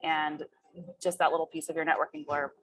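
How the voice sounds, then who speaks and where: A woman's voice: low-pitched, little pitch movement, brisk, fairly bright tone, no echo, low-quality recording. A woman hosting a group career coaching session in an encouraging, informal, conversational way.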